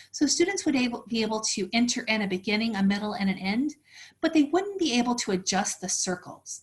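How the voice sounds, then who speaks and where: Woman walking through software steps. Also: a little high. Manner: friendly, practical, explains step by step with many "so"s. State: slightly out of breath. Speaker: teacher trainer presenting a workshop. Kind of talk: instructional webinar walkthrough.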